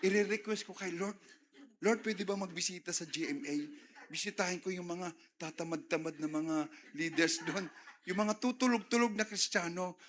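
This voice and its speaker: Man, Filipino accent, middle-aged pastor, sermon, fairly high voice, call-and-response asides. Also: moderate pace, fairly bright tone, a little hiss or hum.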